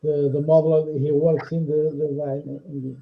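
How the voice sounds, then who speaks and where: Man on a video call: slow, halting, searching for words; muffled line. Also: fairly high pitch, little pitch movement, gravelly. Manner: halting, searching for words in non-native English. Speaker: guest on a livestream. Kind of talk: casual chat. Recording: dull lo-fi call audio.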